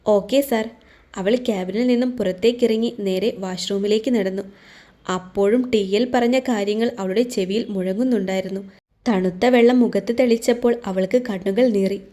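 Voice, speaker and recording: A woman narrating a romance story in a measured, scripted reading. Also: medium pitch, fairly even intonation, dark tone.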